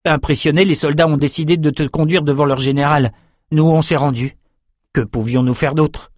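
An excitable young fighter who swears and gushes, his voice pushed up high, as a male narrator puts him on. Dry, close recording. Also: moderate pace, no echo, natural voice. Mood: excited. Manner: excitable, crude.

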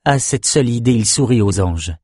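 A man narrating an audiobook in a steady, measured storytelling voice, close to the mic. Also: medium pitch, slightly rough, dry recording.

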